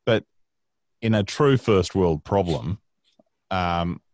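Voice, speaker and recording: Australian man, Queensland accent, low pitch, close dry sound, droll casual chat. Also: animated, takes it slowly, darkish tone, no room sound. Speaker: guest.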